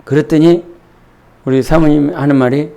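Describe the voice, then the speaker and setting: A man's voice: fairly high pitch, steady tone, moderate pace, vocal fry, mellow. A middle-aged man, a pastor, preaching a sermon in church and telling a candid, self-deprecating story full of restarts.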